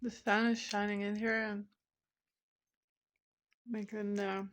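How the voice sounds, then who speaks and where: A woman's voice: medium pitch, little pitch movement, slow. A young woman vlogging casually from home, talking candidly and venting about her frustrations while snacking. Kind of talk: casual vlog chat. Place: indoors at home.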